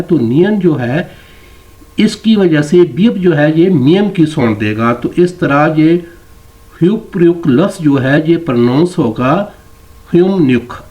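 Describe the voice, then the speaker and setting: A man's voice: on the high side, a little mellow. A male language teacher explaining vocabulary and pronunciation rules step by step, repeating each word after the audio track.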